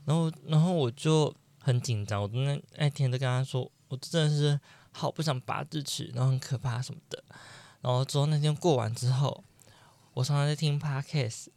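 A man's voice: mid-range voice, dry recording. A young man hosting a solo podcast, chatty and self-deprecating, acting out the voices in his own story. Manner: chatty, self-deprecating, acts out quoted dialogue. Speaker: podcast host.

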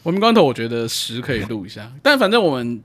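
Fast, blunt man. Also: medium pitch, big pitch swings, a bit bright. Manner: quick, blunt, teasing, swears casually. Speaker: podcast co-host. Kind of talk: casual chat about movies.

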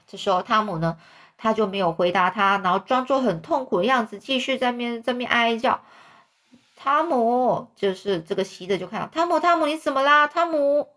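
A woman's voice: mid-range voice, moderate pace, fairly bright tone. A woman retelling a children's story in a chatty way, often rephrasing to explain.

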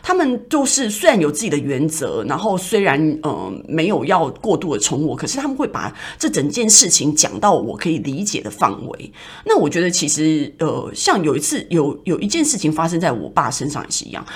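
A woman's voice: deep voice, huge pitch swings, a little fast, slightly rough. A woman with a Taiwanese Mandarin accent, hosting a podcast and telling personal stories in a reflective, rambling way with many fillers. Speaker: podcast host. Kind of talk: casual personal storytelling.

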